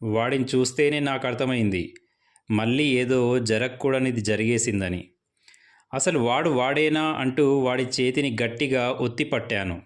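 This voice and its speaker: A man's voice: medium pitch, unhurried. Man telling a spooky tale. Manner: steady, suspenseful storytelling. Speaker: storyteller. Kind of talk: first-person ghost story narration.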